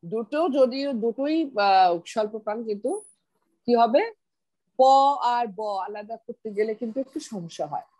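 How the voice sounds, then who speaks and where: A woman's voice: fairly high pitch, moderate pace, warm tone, no room sound. A middle-aged woman teaching pronunciation on a video call, patiently repeating words for her students. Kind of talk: online class, explaining pronunciation.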